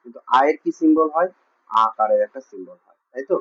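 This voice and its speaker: Quick-paced and husky, a man's medium-pitched voice carries lively intonation and a fairly bright tone. He teaches a class in a West Bengal Bengali accent, repeating a lot and answering his own questions, heard through a muffled lo-fi recording.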